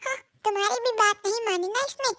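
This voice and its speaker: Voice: extremely high pitch, quick pace, pushed and bright, no echo, exaggerated voice. A performer voicing a stern, grumpy middle-aged father who scolds and grumbles sarcastically in a fan-dub drama. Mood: scolding.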